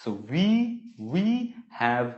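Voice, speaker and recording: A man with a Bengali accent giving a spoken English lesson, drilling English phrases slowly and explaining them quickly. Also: medium pitch, lively intonation. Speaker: English tutor. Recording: dull lo-fi sound.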